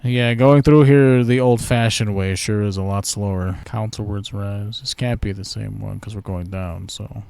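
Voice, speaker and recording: A man giving casual commentary while playing a game, reading quest lines aloud in a livelier voice and dropping to quiet offhand remarks, close to his mic. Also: lowish voice, fairly even intonation, normal speed, creaky, few pauses, clean tone, dry recording. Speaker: gaming commentator. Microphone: close desk microphone.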